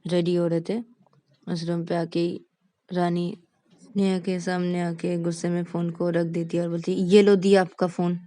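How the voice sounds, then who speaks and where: Woman storyteller, casual retelling, mellow and warm. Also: on the low side. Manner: repetitive linking phrases, plain retelling.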